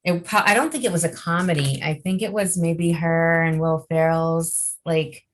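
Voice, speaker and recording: A woman co-hosting a casual movie review chat, animated and giggly, full of restarts and "like". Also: deep voice, normal speed. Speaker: co-host.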